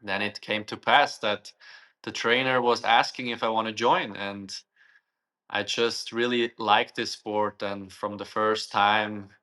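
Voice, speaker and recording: A man's voice: lowish voice, fairly even intonation, unhurried, pushed and bright. A young man from Switzerland, a guest answering interview questions thoughtfully and searching for his words.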